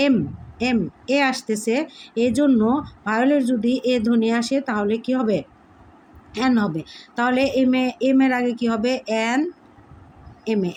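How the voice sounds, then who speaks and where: A woman's voice: a little high, a little mellow, a little hiss or hum. A woman teacher giving a grammar lesson to young pupils, asking questions and answering them herself, repeating key words.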